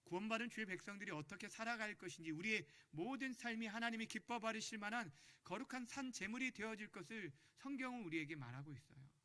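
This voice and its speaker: A man's voice: sits high, fast talker, hardly any pauses, sharp tone. A male pastor preaching a sermon in church, leading the congregation in reading scripture aloud and asking them questions.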